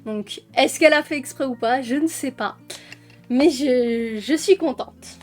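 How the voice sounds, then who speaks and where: Chatty high-voiced French woman. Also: a little slow, soft background music. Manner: chatty, with frequent fillers and diminutives. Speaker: YouTuber presenting coloring books. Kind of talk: casual flip-through vlog.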